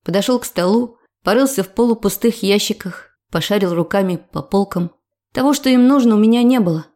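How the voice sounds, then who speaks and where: Female audiobook narrator, first-person story read with expressive feeling. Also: medium pitch, brisk.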